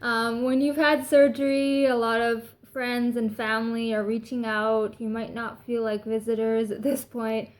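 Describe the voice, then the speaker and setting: A woman with a Canadian accent talks in a fairly high voice. She shares advice in a casual vlog style, chatty and informal, as if talking to people she knows. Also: flat delivery, a little slow, few pauses. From British Columbia, Canada. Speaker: vlogger sharing recovery tips.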